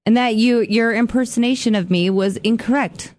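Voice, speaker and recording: A woman co-hosting a radio morning show, animated and giggly in playful banter. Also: on the high side, normal speed. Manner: giggly, animated, mock-sultry reading. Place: radio studio. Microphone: studio mic.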